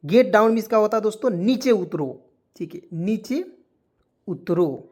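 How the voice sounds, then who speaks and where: Hindi tutor spelling English words slowly. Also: male voice, sits high, lively intonation, darkish tone. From rural India. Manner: spells letters out and repeats meanings slowly, keeps asking "okay?". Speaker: English teacher.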